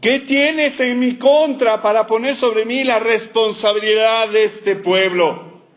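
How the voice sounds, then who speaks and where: A man voicing Moses as a put-upon man complaining to God in a high, drawn-out, self-pitying whine. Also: steady tone. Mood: whiny.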